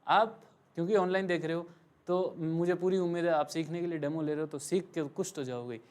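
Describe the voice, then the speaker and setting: A male language teacher giving a live classroom lesson, patiently drilling letters with pauses for students to repeat and mixing English phrases into his explanations. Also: fairly high pitch, steady tone, a little mellow, clean tone. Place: classroom with some students present.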